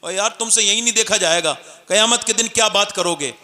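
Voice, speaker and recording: A man preaching a sermon to a live audience, moving from calm storytelling to impassioned shouting and urging the crowd to call back. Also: high voice, a little fast, long reverb tail. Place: religious gathering with a live audience.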